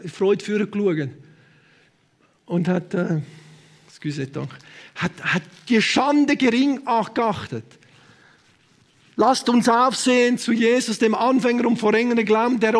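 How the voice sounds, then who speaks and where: Swiss German male preacher, high voice, fiery sermon delivery with sudden quiet asides, mixes in English words. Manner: impassioned, swings between loud proclamation and quiet asides; sprinkles English words into speech. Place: church hall with a congregation.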